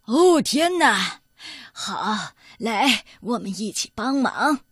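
A flustered farmer man who talks slowly and gives orders to the animals, as a woman puts him on. His voice sits a touch high for a grown man in this storybook telling. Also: big pitch swings, slight background noise. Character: flustered adult male farmer.

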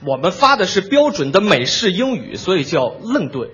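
Man doing crosstalk comedy, high husky voice, bragging all over the place, muffled lo-fi sound. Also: big pitch swings, moderate pace, a bit bright. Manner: boastful, mock-posh, mispronounces foreign names.

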